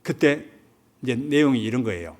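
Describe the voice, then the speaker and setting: A man's voice: mid-range voice, expressive, moderate pace, darkish tone. A male pastor gives a Sunday sermon from a church sanctuary. His voice sits in a middle range. He retells a story and keeps checking whether his listeners follow. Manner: retells a film story, asks the congregation questions.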